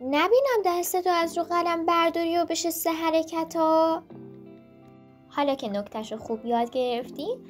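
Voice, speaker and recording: A woman teaching a language lesson in a playful, scripted way, slowly drilling sounds with repetitions. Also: high-pitched, a bit bright. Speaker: Japanese teacher.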